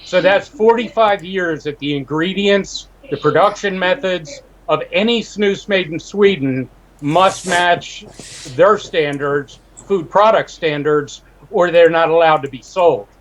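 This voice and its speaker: A man's voice: sits high, measured pace. Man talking over dull call audio. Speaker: podcast co-host. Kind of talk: casual panel discussion.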